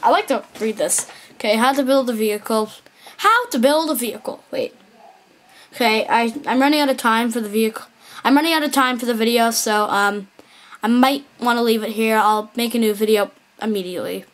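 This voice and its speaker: A woman's voice: fairly high pitch, fairly quick. A woman rambling through casual gameplay commentary, mumbling and correcting herself as she goes. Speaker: gameplay video maker.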